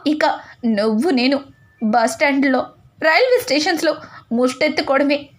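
A woman's voice: high-pitched, lively intonation, normal speed. A woman voicing a young wife who wails over her ruined dreams. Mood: despairing. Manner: wailing, self-pitying. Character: wailing self-pitying young wife.

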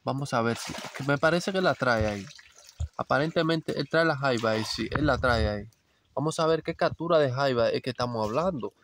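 A middle-aged man gives live outdoor commentary to his viewers, repeating himself and restarting phrases as he goes. His pitch sits in an ordinary middle range. Faint noise from the surroundings hangs behind his voice on the camera mic. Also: a little fast, a bit bright. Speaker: vlog host narrating a crab-fishing outing. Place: outdoors by a forest stream.

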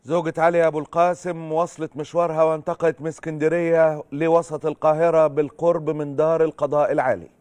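A man's voice: a little high, level tone, fast talker, few pauses, darkish tone, slight background noise. A middle-aged Egyptian man narrates political commentary in a slightly raised voice. His tone is sarcastic and indignant as he lays out events. The delivery is clean studio narration. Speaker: host.

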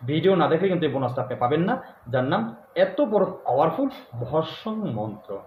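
A man speaking as a spiritual guru, talking slowly and repetitively and chanting a mantra in a drawn-out cadence. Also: a little high, very animated. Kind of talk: instructional spiritual talk to viewers. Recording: echoey, tinny phone-like sound with faint noise.

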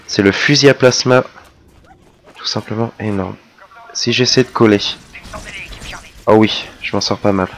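Low-pitched male gamer narrating his play, chatty and self-mocking, faint gunfire behind. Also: fairly even intonation, a little slow, long pauses, slight background noise. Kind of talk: casual gameplay commentary.

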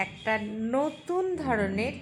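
A middle-aged woman with a hoarse voice chatting casually and haltingly as she narrates a vlog. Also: high voice, animated, background noise. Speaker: vlogger.

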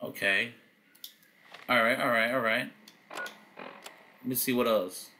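A man gives casual, slangy game commentary in a bright, forward voice. He rambles and thinks aloud, with faint noise and clicks behind him. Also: mid-range voice, huge pitch swings, takes it slowly, vocal fry. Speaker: gamer, let's play host.

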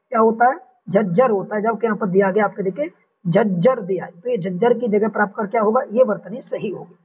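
A man's voice: high-pitched, recorded from a distance, slight background noise, poor audio. A man teaching an online exam-prep language lesson, walking through each answer option step by step and repeating the correct ones. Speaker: Hindi exam tutor.

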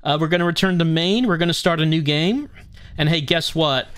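A man's voice: fairly high pitch, fairly quick, a bit bright, clear, resonant tone, dry recording. A man hosting a gaming video, chatting casually and musing as he plays. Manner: musing, conversational. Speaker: gaming channel host. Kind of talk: casual game commentary.

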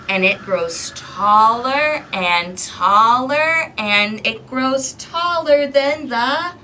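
A woman in her thirties, with a voice that sits high, leads an animated, deliberate interactive picture-book read-aloud for young children. She's outdoors on an apartment balcony, recorded by a camera mic a few feet away with ambient noise.

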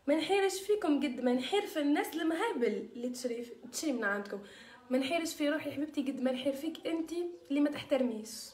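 Algerian woman hosting a casual live stream, high-pitched and quick, mixing in French words, in an echoey room. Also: lively intonation, darkish tone. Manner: chatty, sprinkles French words. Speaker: live-stream host selling beauty mixtures. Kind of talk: casual live-stream chat reading viewer comments.

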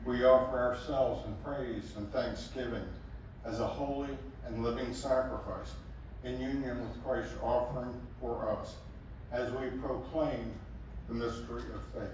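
A man leading a communion service as pastor, reciting the prayer in a measured, solemn way. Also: mid-range voice, fairly even intonation, darkish tone. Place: chapel. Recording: echoey chapel, distant mic, faint room noise.

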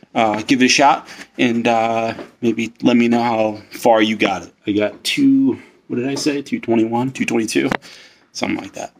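A man's voice: lowish voice, gravelly. A man in his twenties chatting casually to camera, out of breath from doing push-ups. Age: 20s. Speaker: teacher doing a fitness challenge video. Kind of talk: casual vlog chat to camera. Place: carpeted living room, indoors. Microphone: phone on the floor close by. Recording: noticeable background noise.

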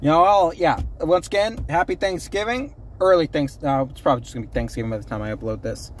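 A man's voice: fairly high pitch, fast talker, a little hiss or hum. A young man chatting casually to his phone camera from a parked car, rambling with lots of ums and self-corrections. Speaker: vlogger. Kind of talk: casual unscripted chat to camera.

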